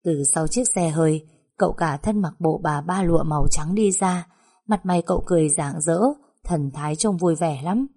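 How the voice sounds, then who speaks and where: A woman's voice: deep voice, normal speed, warm tone. A woman narrating a story in the first person, recounting in a tense, breathless way.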